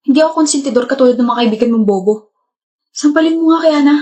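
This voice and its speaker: A woman acting in comedic skits, sharp-tongued and confrontational toward a cheater. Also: high voice, fast. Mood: gloating. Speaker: lead actress in skits.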